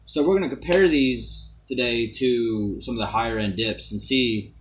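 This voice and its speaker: A man's voice: medium pitch, normal speed, fairly bright tone, slight background noise. A young man giving a casual, rambling amateur product review to camera, repeating himself and swearing mildly.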